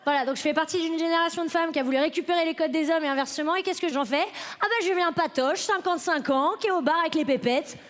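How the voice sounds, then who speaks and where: A woman's voice: extremely high pitch, fast talker, hardly any pauses. A woman in her late twenties doing a stand-up comedy set on stage, chatty and self-mocking as she talks straight to the audience. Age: late 20s. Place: comedy festival stage before a live audience.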